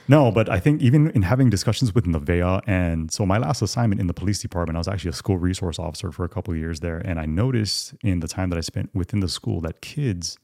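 A man's voice: low voice, quick pace, creaky, few pauses, dark tone, no echo, studio quality. A man around forty from Hawaii, co-hosting a casual chat with wry asides and frequent restarts. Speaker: podcast co-host.

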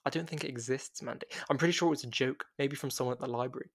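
A man's voice: medium pitch, very fast, vocal fry. A man voicing a young woman who has just lost her job, speaking in a tired, subdued way close to his own voice. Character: weary young woman, recently fired investigator.

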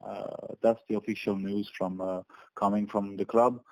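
A man from France, a sports journalist talking over a phone line in halting speech with many fillers. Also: lowish voice, level tone, creaky, a little mellow, no room sound. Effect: heard over a phone line. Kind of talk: phone interview. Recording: dry phone call with dodgy audio.

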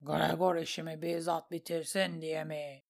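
A woman voicing a wounded, hulking male warrior who speaks low, curt and scornful. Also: level tone, moderate pace, vocal fry. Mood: defiant.

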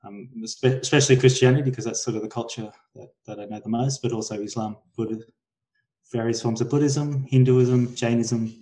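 A man's voice: mid-range voice, steady tone, brisk, dark tone, rough recording. A man in his forties with a Queensland Australian accent, chatting as an interview guest in a hesitant way, often circling back to rephrase himself. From Brisbane, Australia. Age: 40s. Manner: hesitant, frequent self-corrections and trailing thoughts. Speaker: podcast guest. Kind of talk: casual conversational interview.

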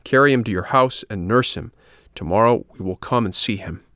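A man's voice: lowish voice, a little fast, a bit bright, no echo, clean studio sound. A man voicing stern soldiers who give curt commands in a storybook reading. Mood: commanding.

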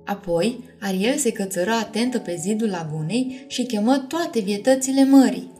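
A woman narrates a children's storybook at a middle pitch. Her reading is expressive and measured. Soft music plays faintly underneath. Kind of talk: storybook read-aloud.

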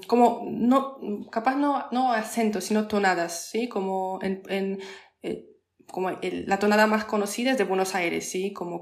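A woman whose first language is Polish talks casually as a podcast guest. She explains patiently and hesitates often, with many fillers and restarts. Her voice carries a roomy echo. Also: mid-range voice. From Poland. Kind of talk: casual interview chat.

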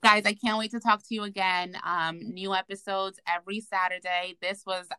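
Bright, animated woman podcast host. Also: mid-range voice, moderate pace, smooth, no echo, poor audio. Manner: animated, slangy and profane. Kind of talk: casual podcast chat. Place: bathroom, at home. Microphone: remote recording.

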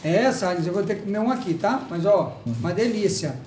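A man hosting a live talk show, jovial and chatty, giving sponsor shout-outs. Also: high-pitched, lively intonation, brisk, roomy sound, distant mic, a little hiss or hum. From Brazil. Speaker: host.

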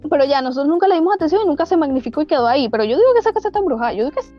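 Animated young Venezuelan woman telling a ghost story. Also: sits high, racing. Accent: Venezuelan Spanish. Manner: animated, slangy, frequent fillers and restarts. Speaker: podcast storyteller. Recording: dull lo-fi recording with faint music.

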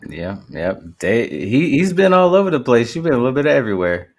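A man's voice: mid-range voice, very animated, fairly quick. An American man hosting a podcast, chatting in an informal, buddy-like way. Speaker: podcast host. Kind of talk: casual chat.

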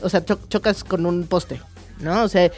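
A woman's voice: lowish voice, steady tone, unhurried, darkish tone, soft background music. A woman, a therapist co-hosting a casual chat show, explaining ideas through examples with many fillers and restarts. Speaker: therapist co-host.

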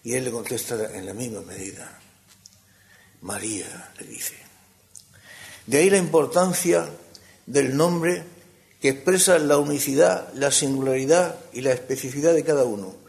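A man delivers a sermon in a gravelly voice of middling pitch. His phrasing climbs into emphatic peaks and then drops to near-whispered stretches. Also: normal speed. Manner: swings between emphatic rises and hushed, soft passages. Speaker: preacher.

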